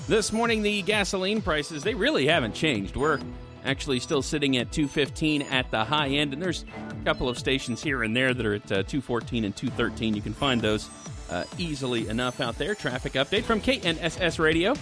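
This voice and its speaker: A man's voice: medium pitch, animated, brisk. An American man, a radio traffic reporter, giving a casual update. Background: music bed.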